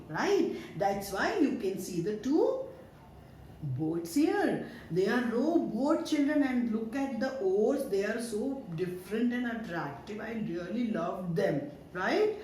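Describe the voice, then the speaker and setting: A woman with an Indian English accent leads a phonics class for small children in a high, swooping, sing-song voice. She speaks slowly, sounding out each letter and cheering the class along. The recording is very echoey, with faint noise behind her. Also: a little mellow. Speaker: kindergarten teacher. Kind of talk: online phonics lesson for young children.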